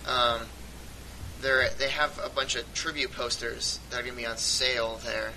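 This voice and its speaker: A man chats casually as co-host of a fan podcast. He laughs often and trails off mid-thought before starting again. His home recording carries a steady hiss and a low rumble. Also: moderate pace, low-quality recording.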